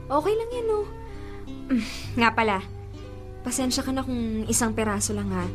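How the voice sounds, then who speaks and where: Faint music plays behind this slightly high, sing-song female voice, which keeps a measured pace and carries a Filipino accent. In a Filipino radio drama, the actress voices a young girlfriend who is devoted, sweet, pleading and playful. She sounds teasing and playful, coaxing with plenty of emotion.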